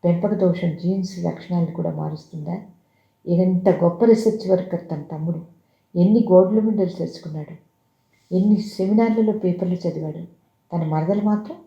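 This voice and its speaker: Story narrator, very mellow dark voice, dull lo-fi sound. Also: medium pitch, vocal fry. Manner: expressive, measured. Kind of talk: dramatic story reading. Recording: roomy dull lo-fi recording.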